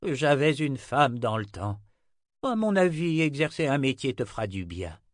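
A gentle old wizard speaks with warm, teasing patience in a storybook reading, as a male narrator puts him on. His lines come slow and a little raised, friendly rather than grand. The sound is close and dry. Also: mid-range voice, big pitch swings, no echo, pitched above the performer's own voice, lightly acted. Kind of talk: audiobook character reading.

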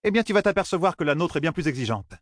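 A man's voice: on the high side, lively intonation, very fast, dry recording, voice pushed up, lightly acted. A man voicing a stern older woman elder who scolds dryly and gives orders, in a fantasy audiobook. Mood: stern, scolding. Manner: dry, scolding and commanding.

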